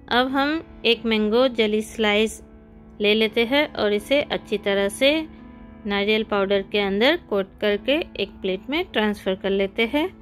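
A woman hosting a cooking channel, giving friendly step-by-step recipe instructions in a voice-over. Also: a little high. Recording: soft background music.

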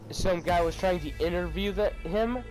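A young man chatting casually with friends while playing a racing game, excited and swearing casually. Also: high voice, normal speed, poor audio. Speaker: gamer recording a party chat. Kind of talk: casual chat over game play. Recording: game music under the voice.

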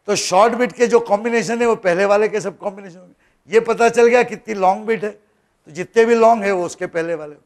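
Middle-aged man, lecturer, high gravelly voice, patient explainer with rhetorical questions. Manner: mixes in English phrases and terms. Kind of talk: classroom lecture.

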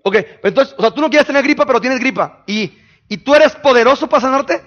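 A man preaching a sermon in a conversational way, firing quick questions at his listeners. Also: very high-pitched, fairly bright tone, lo-fi sound. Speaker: pastor. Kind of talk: sermon teaching.

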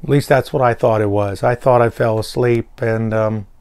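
A man's voice: medium pitch, normal speed, clean tone. A man casually telling a personal story to camera, rambling with fillers and restarts. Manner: animated when quoting people. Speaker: vlogger.

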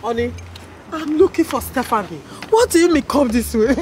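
A woman's voice: sits high, expressive, darkish tone, slight background noise. A middle-aged mother talking frantically and scolding her family in an outdoor car park, filmed on a handheld camera. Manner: frantic, scolding, rapid questions. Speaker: mother in a family prank vlog. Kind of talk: panicked real-life vlog talk.

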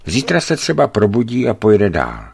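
A man reading a travel book aloud in calm storytelling narration. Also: on the low side, creaky, slightly rough. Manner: calm storytelling, lifts his voice for quoted speech.

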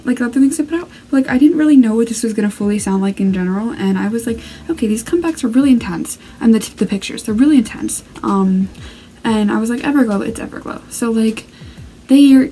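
A woman's voice: on the high side, warm tone, a little hiss or hum, poor audio. A young woman hosting a music reaction vlog, gushing and rambling breathlessly with lots of fillers. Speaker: reaction video host.

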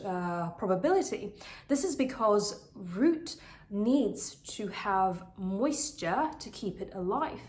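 Her mid-range voice has a darkish tone and is still healing after she was sick. This earnest woman hosts a houseplant channel, chatting through a casual on-camera product review with frequent fillers. She records in a bright, plant-filled living room, and the space sounds roomy and echoey.

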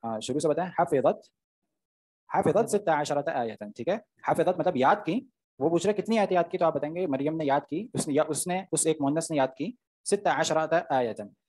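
A man's voice: on the high side, animated, a little fast, darkish tone. A man, teaching Arabic grammar in an online class, explaining step by step and often checking "okay?" with his students.

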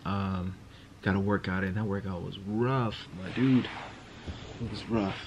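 A young man speaks into a phone camera close to his face from a small walk-in closet, casually recapping his day for his vlog. His low voice stays level and unhurried, his talk is rambling and slangy, and the background is noisy.

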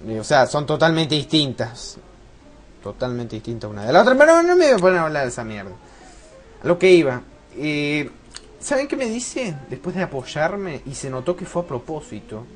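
A man's voice: fairly high pitch, big pitch swings, moderate pace. Rambling, foul-mouthed Rioplatense teen boy. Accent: Rioplatense Spanish. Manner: rambling, swears a lot. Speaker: gameplay commentator. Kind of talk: rambling let's-play chat. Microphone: loose desk mic that keeps slipping.

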